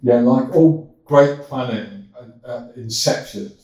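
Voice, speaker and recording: An older man in casual interview talk, speaking in a halting way with many restarts, as a podcast guest. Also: medium pitch, dark tone, far from the mic. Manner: halting, with frequent repeated starts. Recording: echoey room, from off-mic.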